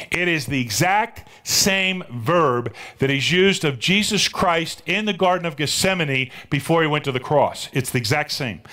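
A man's voice: a little high, fairly bright tone. A middle-aged male pastor preaching a sermon, telling the story and asking the congregation rhetorical questions.

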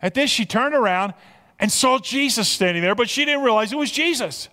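A man preaching an Easter sermon as pastor, impassioned, swinging from loud emphasis to hushed near-whispers. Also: very high voice, expressive, fairly quick. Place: church sanctuary. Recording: long reverb of a church hall.

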